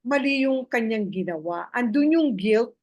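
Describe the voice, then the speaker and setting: A woman in a casual Bible study discussion, talking in a halting way with many fillers as she searches for names, mixing in English phrases. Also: a little high, lively intonation, a little mellow, no room sound, muffled recording. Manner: mixes Tagalog with English phrases. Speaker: Bible study group member.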